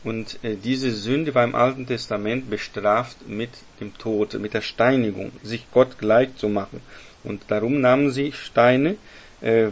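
Male Bible study leader, mid-pitched, unhurried delivery, explains patiently with frequent check-ins. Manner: explains step by step, often ending with "ne?". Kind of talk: Bible teaching to a group.

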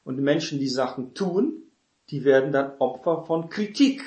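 Mann, lockere Bibellehre in hallendem Raum. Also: male voice, a little high, lively intonation, normal speed, a little mellow, reverberant. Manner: conversational, frequent tag questions, acts out quoted voices. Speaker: preacher teaching on church elders. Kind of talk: informal Bible teaching.

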